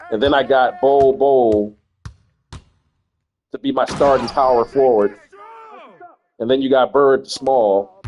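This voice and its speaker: A man's voice: medium pitch, darkish tone, lo-fi sound. A man giving casual, rambling commentary while playing a basketball video game, often repeating himself as he thinks. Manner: laid-back, rambling, repeats words as he thinks. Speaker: gaming streamer.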